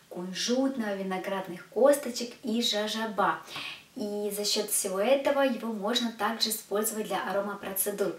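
A woman reviewing body care products to camera in a chatty way, talking to her viewers as girls. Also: medium pitch. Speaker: beauty vlogger. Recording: echoey room, distant mic.

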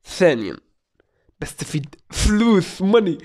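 At normal speed, a man in his twenties speaks in a high-pitched, darkish-toned voice with big pitch swings. Seated at a desk in a small room for a casual Q&A vlog, he reads viewer questions aloud and answers them playfully, cracking jokes.

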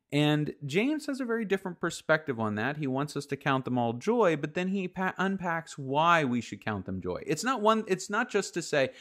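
A man in his forties preaches a recorded sermon from a home office. He speaks close to a studio microphone, earnest and explanatory, often pausing with fillers and restarting his sentences. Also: mid-range voice. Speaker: pastor. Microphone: studio microphone with headphones, close.

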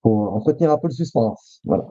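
A man, a guest author, telling history stories in a halting way, often restarting his phrases and teasing suspense. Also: medium pitch, lively intonation, mellow, no room sound, highs cut off, faint music behind. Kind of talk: storytelling history chat.

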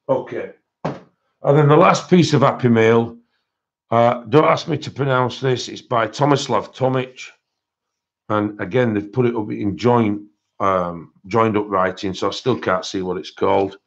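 A man's voice: fairly low pitch, unhurried, vocal fry, pauses often, muffled recording. A man hosting a live-stream coloring-supply haul, rambling and chatting with viewers in their comments. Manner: chatty and rambling, with frequent fillers and self-corrections. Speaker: coloring book channel host.

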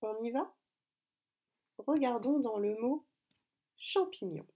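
A woman teacher giving a slow, clear phonics lesson to young pupils. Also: fairly high pitch, lively intonation, mellow. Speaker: primary school teacher.

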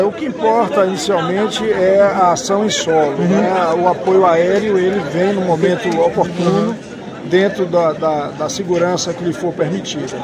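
Police officer interviewed amid a loud crowd. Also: male voice, sits high, heavy background noise. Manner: formal, measured official speech. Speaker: police commander. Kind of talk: on-scene press interview. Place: outdoor city street at night among a crowd. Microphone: handheld reporter mic.

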